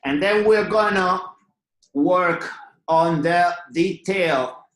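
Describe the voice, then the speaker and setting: A man teaching an online drawing class, talking slowly and patiently and often checking in with "okay?". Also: high voice, fairly bright tone, roomy sound, poor audio. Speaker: art teacher.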